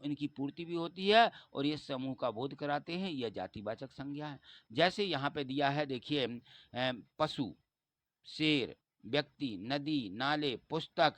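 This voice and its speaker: A man's voice: fairly high pitch, a bit bright, no room sound. A man teaching a school grammar lesson, explaining step by step and asking and answering his own questions.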